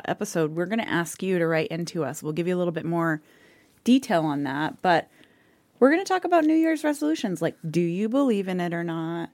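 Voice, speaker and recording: A woman opens and steers a podcast chat, upbeat and chatty, leaning on "like" as she talks. Her voice is a little low for a woman, and the sound is dry and close. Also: dry recording. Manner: upbeat, chatty, many likes. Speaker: podcast host. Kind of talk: casual chat.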